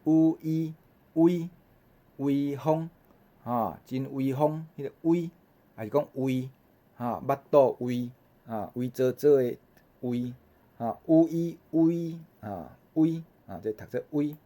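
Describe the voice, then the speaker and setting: A man with a Taiwanese accent teaching vowel sounds in a recorded lesson, repeating each sound in slow drills with frequent "ha" fillers. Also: mid-range voice, mellow. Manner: habitual "ha" fillers between drills. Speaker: language teacher.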